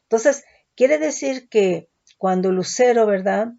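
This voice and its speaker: A woman's voice: on the high side, lively intonation, slow pace, creaky, warm tone. A woman teaching a Bible study, explaining word meanings step by step and often checking in with her listeners. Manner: explains words step by step, asks "¿sí?" and "¿verdad?" often. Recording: dull lo-fi recording.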